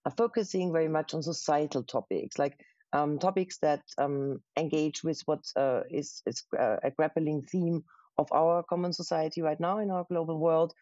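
A woman's voice: deep voice, steady tone, mellow, no room sound, dull audio. Austrian woman curator on a video call. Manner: thoughtful, pauses with fillers. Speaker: museum curator, guest. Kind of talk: casual interview answers. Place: living room at home. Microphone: webcam on a video call.

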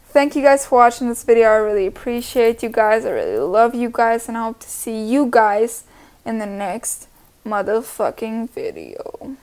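A woman's voice: a little high, lively intonation, normal speed, darkish tone, clean tone. A young woman hosting a casual reaction vlog, chatty and profane, often making fun of herself. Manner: chatty, profane, self-mocking. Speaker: reaction channel host.

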